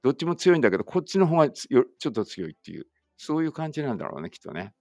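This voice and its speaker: A man's voice: medium pitch, big pitch swings, a little mellow, no echo, studio quality. A male English teacher whose first language is Japanese reads a vocabulary list aloud word by word, dropping casual explanations between items. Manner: deliberate word-by-word drill reading with chatty asides.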